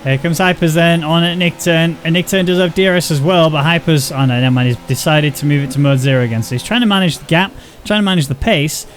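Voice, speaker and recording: A man's voice: fairly high pitch, quick pace, few pauses, faint music behind. A man giving play-by-play on an online racing league with a co-host. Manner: steady play-by-play, relaxed chatter between calls. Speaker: co-commentator. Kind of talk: live sim racing commentary.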